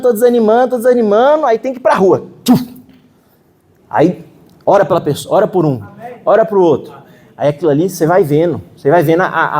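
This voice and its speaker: High-pitched earnest Brazilian preacher, man. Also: darkish tone, husky. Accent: Brazilian Portuguese, Minas Gerais. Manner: earnest, conversational preaching with frequent "né?" and "Ó Senhor Jesus". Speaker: minister preaching. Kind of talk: sermon. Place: church meeting hall.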